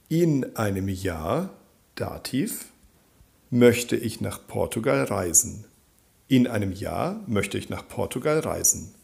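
A man teaches a grammar lesson at an unhurried, deliberate pace. His low voice has a gravelly edge, and his pitch rises and falls widely as he stresses each answer. He reads every sentence out clearly and then says it again. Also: darkish tone. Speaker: German teacher.

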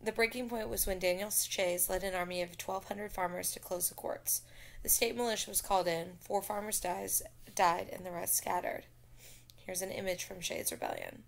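A woman teaches a history lesson, narrating over slides and speaking directly to her students. Her voice sits at a middle pitch with a gravelly, fry-edged texture, and her delivery is steady and explanatory. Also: normal speed.

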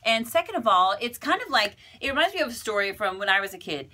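A woman's voice: fairly high pitch, very animated, quick pace, pushed and bright. A woman who hosts a radio morning show, giving a chatty, encouraging motivational talk.

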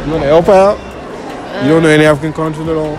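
A man's voice: on the high side, steady tone, fast talker. A young Nigerian man hosting a casual street quiz in a shopping mall, friendly and teasing, singing bits of songs. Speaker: street interviewer and channel host. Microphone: handheld phone. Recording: busy mall with crowd and music.

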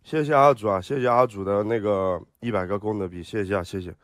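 A man with a Sichuan accent livestreams, reading viewer comments aloud and ranting with heavy profanity. His voice is low with fairly even intonation and a quick pace, and soft music plays in the background.

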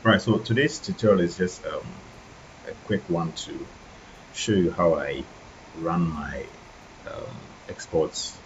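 A man with a husky, tired voice talking through a photo-editing tutorial in a relaxed way, with many ums and restarts. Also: low voice, measured pace. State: tired late at night. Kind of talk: screen-recorded software tutorial. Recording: dull lo-fi mic with faint noise.

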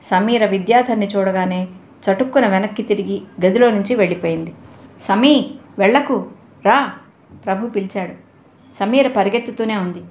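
A woman's voice: medium pitch, a little fast, darkish tone. Woman narrating a novel in an echoey room. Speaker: audiobook narrator. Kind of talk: novel reading with voiced dialogue.

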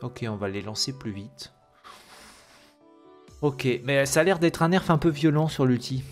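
A man's voice: medium pitch, expressive, a little slow, faint music behind. A man hosting a gaming video, casually commenting on patch notes with many fillers and self-corrections, reading English terms with a heavy French accent.

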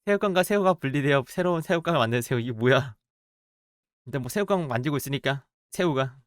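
Drawing in a party game, a streamer gives casual let's-play commentary in an expressive, medium-pitched voice, talking fast. The studio recording is clean with no echo, and they mutter to themselves and react with playful remarks.

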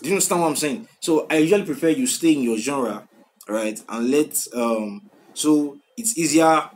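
A man hosting a music reaction video, talking in an excitable, casual way and repeating phrases and "bro" a lot. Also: a little high, moderate pace. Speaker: music reaction channel host.

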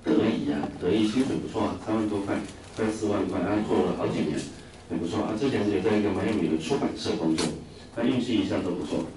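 A man's voice: fairly low pitch, quick pace, mellow. A man from Taiwan teaching English vocabulary to a class, chatty, full of filler sounds and questions to the students. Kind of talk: classroom lecture with anecdotes. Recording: echoey classroom from a distant mic, noisy.

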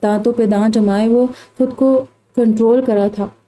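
Warm, even-voiced woman narrating a novel. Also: fairly high pitch, normal speed, rough recording. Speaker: audiobook narrator.

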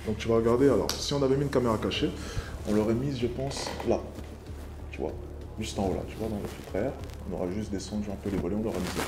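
A man's voice: on the low side, fairly even intonation, fast talker. A cocky, persuasive man in his twenties in casual flirtatious conversation. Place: bright dining room, indoors. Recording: distant hidden camera, echoey and noisy.

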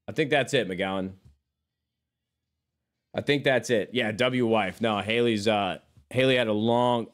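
Talking casually to his audience, a thirty-something streamer with a lowish voice drifts from one subject to another. Profanity comes easily, and he constantly addresses his listeners as brother.

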